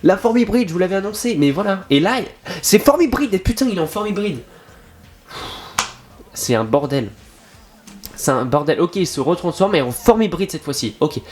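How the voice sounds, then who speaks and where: A young man streaming a live reaction to an anime, excitable and swearing often, with sudden high exclamations, talking into a desk microphone. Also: normal speed. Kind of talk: casual live reaction commentary.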